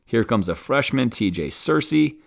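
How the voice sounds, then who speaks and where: A man hosting a podcast, talking through game film in an animated commentary style. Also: mid-range voice, moderate pace, gravelly. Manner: animated, acts out coaches and players in quoted asides.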